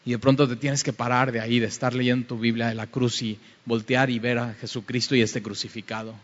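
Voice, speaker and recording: A man preaching a fervent sermon that rises to loud, emphatic passages. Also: mid-range voice, flat delivery, fairly quick. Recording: dull, reverberant hall sound.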